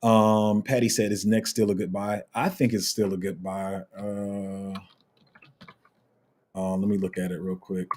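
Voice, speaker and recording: A man hosting a crypto livestream, casually reading out viewer comments in a relaxed, rambling way with lots of fillers. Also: lowish voice, unhurried, slight background noise.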